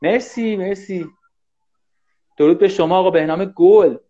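A man with a high voice teaches English in a casual live online class, speaking fast and animatedly and often thanking his viewers. The livestream audio is dull and lo-fi.

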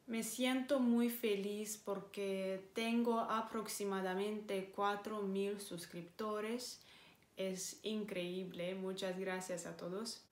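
A woman in her twenties from Moldova with a Moldovan accent and Romanian as her first language, talking casually to camera as a vlogger in a careful, deliberate way with small pauses. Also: mid-range voice, fairly even intonation. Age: 20s. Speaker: vlogger and English teacher. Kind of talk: casual vlog talk to camera. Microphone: camera mic. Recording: echoey room.

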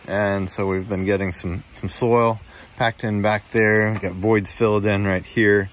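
A man with a fairly low voice walks through his backyard pond build outdoors, explaining plainly as he goes, with loose restarts. He's out of breath, and the rough recording picks up wind noise from the construction site.

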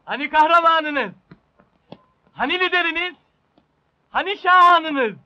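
An actor playing a taunting, domineering landlord who threatens tenants in a comedy film. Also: male voice, very high voice, animated, unhurried, highs cut off. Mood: gloating, menacing. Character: gloating, threatening landlord bullying his tenants. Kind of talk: Turkish comedy film acting.

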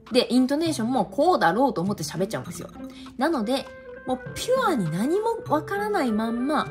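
Lively woman teacher with music behind. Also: a little high. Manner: lively, emphatic, addresses viewers directly. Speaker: English teacher. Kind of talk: video lesson on pronunciation. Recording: background music under voice.

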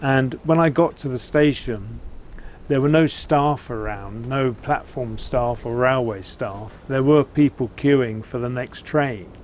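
An older man with an English accent talks to camera in an unhurried, chatty way. His voice is mid-pitched and plain-spoken. He is recorded outdoors, with some ambient noise around him. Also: a little mellow. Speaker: vlog host. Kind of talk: casual chat to camera, recounting a trip. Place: outdoors, seated beside a narrowboat.

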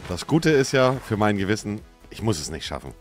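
A man in his thirties doing casual live gaming commentary into a close mic, with slangy swearing and frustrated exclamations, swinging between muttering and shouting. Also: on the low side, big pitch swings, a little fast, over music. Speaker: livestreamer playing a video game. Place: small dim indoor streaming room. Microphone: close studio microphone on arm, headset.

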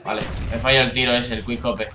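A young man from Spain with a Castilian accent commentates live gameplay, swearing a lot and bursting into high yelps at kills and misses. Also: little pitch movement, fairly quick, pushed and bright, echoey room, slight background noise. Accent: Castilian Spanish. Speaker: gaming youtuber.

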